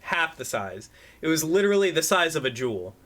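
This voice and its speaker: A man's voice: on the high side, very animated, moderate pace, a bit bright. A man co-hosting a casual podcast, ranting with lots of swearing and demonstrating what he means as he talks. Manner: profane, rambling, demonstrative. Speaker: podcast co-host. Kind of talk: casual chat. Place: room at home. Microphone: desk microphone.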